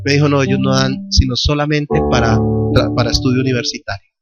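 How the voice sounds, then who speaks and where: A man's voice: mid-range voice, fairly even intonation, a little fast, dull audio. A male pastor with a Colombian accent preaching a sermon, telling a personal story and then calling out questions to the congregation. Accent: Colombian Spanish. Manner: testimony told with quoted dialogue, rising to fervent call-and-response. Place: church hall. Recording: church recording with loud worship music.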